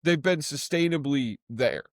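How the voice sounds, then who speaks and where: A man co-hosting a casual sports podcast, talking in an emphatic, animated way and cutting off his own swear words. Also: a little high, unhurried, dry recording, studio quality. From Boston area. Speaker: podcast co-host.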